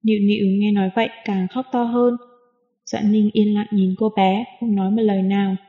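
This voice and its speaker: Female audiobook narrator, even and smooth; dull lo-fi sound with long reverb. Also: medium pitch, a little fast. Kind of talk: scripted narration.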